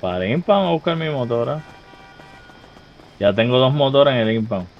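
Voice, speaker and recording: A man's voice: medium pitch, animated, moderate pace, lo-fi sound, a little hiss or hum. A man with a Puerto Rican accent chatting casually while playing an online role-play game. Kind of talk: casual gaming chat.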